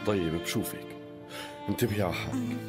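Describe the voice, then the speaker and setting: A man's voice: fairly low pitch, huge pitch swings, fairly quick, loud music behind the voice. An actor dubbing a teasing, attentive doctor in his thirties in a TV drama, with a Syrian accent. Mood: calm, considerate. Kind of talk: dubbed TV drama dialogue.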